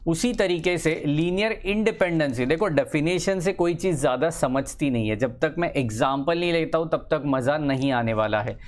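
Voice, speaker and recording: A man's voice: a little high, expressive. Chatty male maths tutor, repetitive. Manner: repeats phrases, drawls words slowly while writing; encouraging, chatty asides to students. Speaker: engineering maths teacher. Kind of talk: casual Hindi-English lecture.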